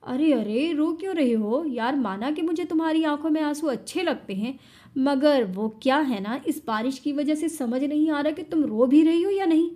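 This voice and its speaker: A woman reading as a cold, cruel young husband in a story, sneering sweetly in a high, bright voice, his tenderness only mockery, his taunts slow and deliberate. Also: lively intonation. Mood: mocking. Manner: sneering, mock-tender, then snapping angrily.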